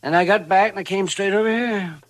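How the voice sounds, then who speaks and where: Playing a crusty, tired old town doctor in a vintage radio western, an American radio actor grumbles in a folksy, querulous mutter. His voice is high-pitched and brisk, and it sounds natural.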